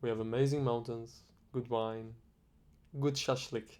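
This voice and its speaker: A man from Iran in a casual chat, relaxed and rambling, swearing often. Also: mid-range voice, a little slow, smooth.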